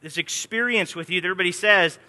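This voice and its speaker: A man's voice: high voice, fast, bright, forceful tone. A man quoting an eager ancient king. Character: eager curious ancient king, male adult. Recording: long hall reverb.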